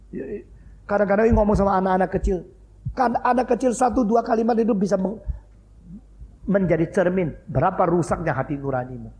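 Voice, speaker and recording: A man lecturing in a lively storytelling style, mixing in English phrases as he teaches. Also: high voice. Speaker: pastor and lecturer. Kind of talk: university lecture. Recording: faint background noise, old lecture recording.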